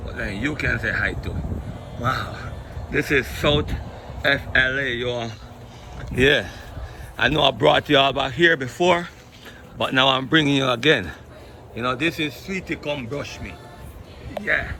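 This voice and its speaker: A man from Jamaica with a Jamaican accent, giving an excited walking-tour vlog outdoors among fruit trees. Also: mid-range voice, unhurried, pauses often, background noise. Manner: exclamatory, excited, keeps repeating "look at this". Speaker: vlogger.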